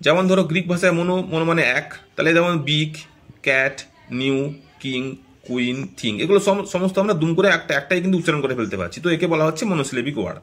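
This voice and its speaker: A man's voice: a little high, lively intonation, fast talker, fairly bright tone. A man teaching English grammar to learners in Bengali, explaining step by step and checking often that they follow. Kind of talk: classroom grammar lesson.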